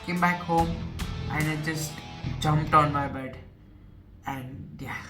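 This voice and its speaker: A man's voice: on the high side, fairly even intonation, slow. A nineteen-year-old man with an Indian English accent, earnestly retelling his experience in a personal vlog. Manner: earnest, retelling, repeats himself. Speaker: vlogger. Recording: distant mic with music behind. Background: background music.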